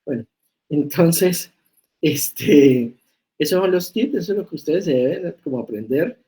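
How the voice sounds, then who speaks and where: A man's voice: on the high side, lively intonation, a little slow, mellow, rough recording. A man giving a medical lecture, talking to students in a conversational way and often checking in with tag questions. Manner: reads criteria aloud then explains them. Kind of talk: classroom lecture.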